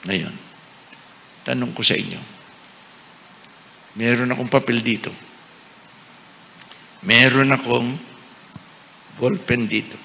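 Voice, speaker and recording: A man preaching as a bishop. He asks the congregation rhetorical questions in an animated way. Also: medium pitch, slow, creaky, pauses often. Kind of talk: sermon. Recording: echoey hall, faint noise.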